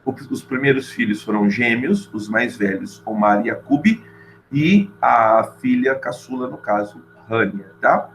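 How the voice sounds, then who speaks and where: A man's voice: medium pitch, animated, measured pace, fairly bright tone, slight background noise, rough recording. Chatty Brazilian man teaching literature. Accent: Brazilian Portuguese. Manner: chatty and informal, keeps checking in with "tá?". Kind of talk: casual classroom lecture.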